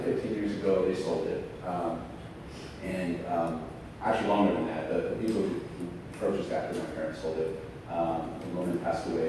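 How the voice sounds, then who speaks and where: A man from Austin, Texas, a school board trustee, speaking earnestly to a public forum with many fillers and restarts. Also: low voice. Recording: echoey hall, mic far off, background noise.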